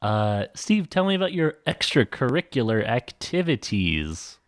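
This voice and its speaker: A man's voice: mid-range voice, very animated, a little slow. A young man in his twenties co-hosting a casual podcast, asking questions and teasing his friend with jokes. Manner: joking, teasing interviewer. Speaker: podcast co-host. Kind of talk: casual chat.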